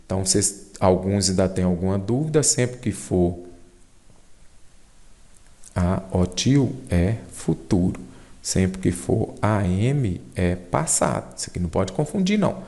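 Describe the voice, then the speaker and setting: A man's voice: deep voice, lively intonation, unhurried, mellow. A Brazilian man teaching an exam-prep grammar lesson, explaining step by step and checking in with his students.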